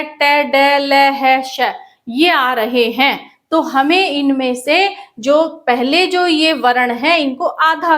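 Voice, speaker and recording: A woman's voice: high voice, fairly bright tone. A woman teacher giving a grammar lesson, working through examples step by step and asking her students questions, then answering them herself. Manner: slow, repeating questions to students.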